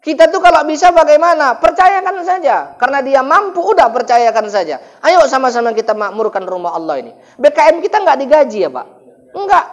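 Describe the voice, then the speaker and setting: A male preacher with a lilt delivers a humorous sermon at a mosque gathering. He keeps the telling lively and animated, turning to the men in the hall again and again. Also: very high-pitched, fairly quick. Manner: lively, animated, often addresses listeners as "Pak". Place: mosque gathering after dawn prayer.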